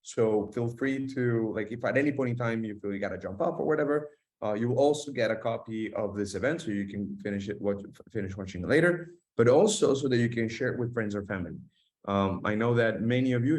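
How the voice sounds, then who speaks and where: A man's voice: fairly low pitch, a little fast, darkish tone. A man hosting an online webinar from an office, talking with many fillers and restarts. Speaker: host. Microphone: video call.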